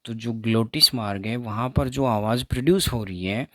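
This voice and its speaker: A man teaching phonetics, repeating each sound slowly so students can say it with him. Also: mid-range voice, no room sound, clean studio sound. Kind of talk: explaining phonetics lesson.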